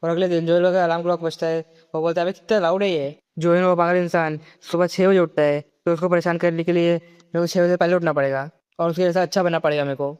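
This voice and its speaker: Fast, flat-voiced man recapping a story. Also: a little high, clean tone, long reverb tail, lo-fi sound. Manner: rapid, even delivery, voicing every character in his own voice. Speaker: manhwa recap narrator.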